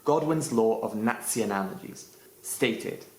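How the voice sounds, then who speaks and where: A man's voice: fairly low pitch, unhurried, darkish tone, a little hiss or hum. Man explaining in an echoey room. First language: Spanish. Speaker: English teacher and channel host. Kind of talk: scripted educational narration.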